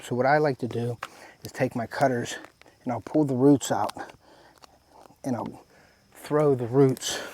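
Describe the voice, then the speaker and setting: A man giving a casual, folksy step-by-step hunting demonstration outdoors while he works, with a tractor rumbling in the background. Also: warm tone, slight background noise. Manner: folksy, talks while working with his hands. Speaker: hunting how-to presenter. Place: outdoors in the woods. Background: tractor rumbling nearby.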